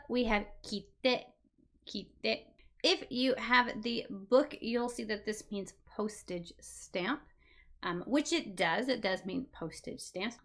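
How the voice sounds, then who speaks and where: A woman leads an online beginner Japanese lesson, patiently repeating example words and often checking in with "right?". Her voice is fairly high in pitch and a bit bright.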